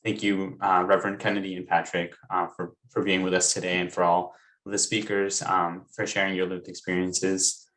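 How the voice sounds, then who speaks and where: A man's voice: deep voice, flat delivery, normal speed, fairly bright tone, low-quality recording. A young man raised in Maryland, speaking on an online panel and then earnestly reading a book excerpt aloud over a video call. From United States (raised in Maryland).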